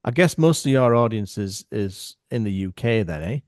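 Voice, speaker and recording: A middle-aged man chatting casually as a podcast guest, telling lively stories and acting out what other people said. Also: fairly low pitch, normal speed, no echo, studio quality. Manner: animated, acts out other people's voices. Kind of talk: casual storytelling chat.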